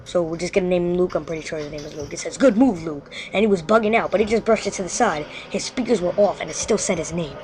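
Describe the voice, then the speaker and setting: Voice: medium pitch, fast, hardly any pauses. A show host casually telling a creepy story live, rambling and often stopping mid-sentence to correct themselves. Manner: rambling, frequently corrects itself.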